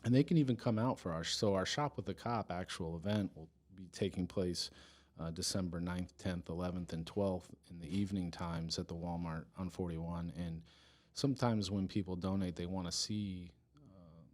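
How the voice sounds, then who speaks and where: A man's voice: sits low, steady tone, moderate pace, a little mellow. A man speaking as a police department's chief of staff in a casual podcast interview, earnest, with frequent restarts and easy laughter.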